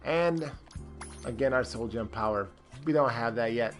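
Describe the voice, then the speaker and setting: A man's voice: medium pitch, normal speed, faint music behind. A man streaming a character-creation game, rambling with lots of fillers and greeting chat viewers. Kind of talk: casual live-stream commentary.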